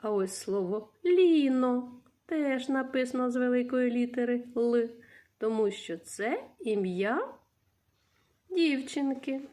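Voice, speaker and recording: Ukrainian lady teacher, kinda high voice, really slow and singsongy, sounds out syllables for little kids. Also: lively intonation. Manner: slow, sing-song syllable-by-syllable reading; gentle coaxing questions to children. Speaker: primary school teacher. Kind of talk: reading lesson for young children.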